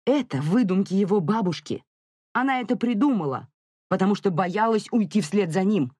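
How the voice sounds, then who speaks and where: An audiobook narrator voicing a furious, grieving young mother who shouts and accuses, near hysteria. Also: mid-range voice, expressive, a little slow, breathy edge, dry recording. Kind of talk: audiobook character reading.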